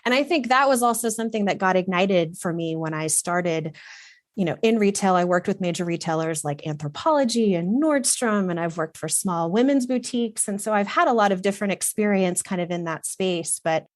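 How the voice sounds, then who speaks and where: Speaking a little fast in a mid-range voice, this Texan guest, a middle-aged wardrobe consultant, shares personal stories casually, reflective and earnest, with some fillers. The studio sound is clean, with no echo.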